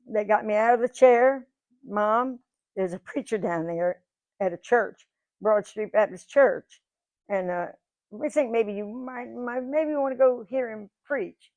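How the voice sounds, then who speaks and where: This guest speaker, a Georgia woman in her nineties, entertains a live audience in a museum event room with homespun tales of her life, chatting away and performing the dialogue she quotes. Her voice is a little high and darkish in tone, with vocal fry. The recording is muffled and carries no room sound.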